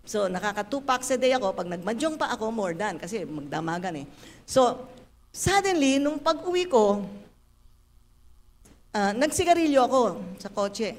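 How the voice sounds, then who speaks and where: A woman, giving a lively, playful church testimony. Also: on the high side, normal speed, long pauses, long reverb tail. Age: 70s. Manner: animated, playful storytelling with acted dialogue. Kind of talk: sermon testimony.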